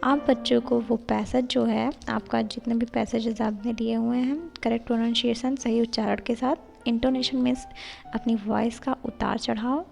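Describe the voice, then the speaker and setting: A woman explaining a lesson plan step by step, reading sample lines slowly and deliberately. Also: fairly high pitch, fairly even intonation, vocal fry, a little mellow, soft background music. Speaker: teacher-training tutor.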